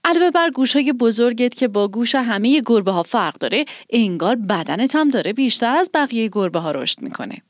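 A chirpy ten-year-old village girl, put on by a woman reading a story, her voice lifting high and eager as she coaxes and teases. The recording is dry and close. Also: very animated, few pauses, no room sound. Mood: playful. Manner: bright, eager, coaxing.

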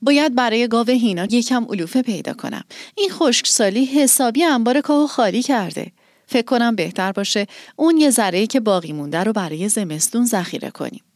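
A woman's voice: a little high, expressive, no echo, clean studio sound. A woman voicing a cheerful ten-year-old village girl, talking eagerly and coaxingly. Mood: earnest.

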